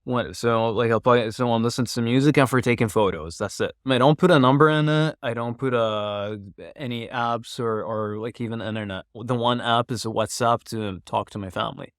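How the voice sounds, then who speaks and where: A man's voice: mid-range voice, moderate pace, dry recording, clean studio sound. Chatty man in his thirties, from Kuwait. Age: 30s. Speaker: film student. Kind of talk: documentary interview.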